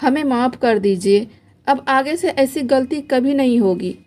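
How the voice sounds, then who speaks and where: Woman doing a spoiled young bride in a storybook tale, pleading and complaining, high voice. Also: expressive, unhurried, a little mellow. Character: spoiled young married woman, later remorseful.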